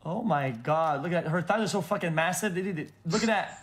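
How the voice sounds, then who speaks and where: A man streaming a game, talking in fast, rambling casual chat and swearing freely. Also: on the high side, a bit bright.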